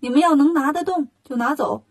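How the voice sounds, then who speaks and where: A woman's voice: high voice, fairly quick, close to an everyday voice. A woman doing a cocky, teasing monkey king. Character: cocky clever monkey king disguised as boy.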